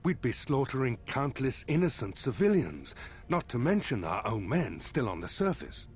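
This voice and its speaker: A man's voice: mid-range voice, sing-song, normal speed, husky. An actor playing a nervous male fleet admiral who stammers before his commander. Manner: hesitant, stammering.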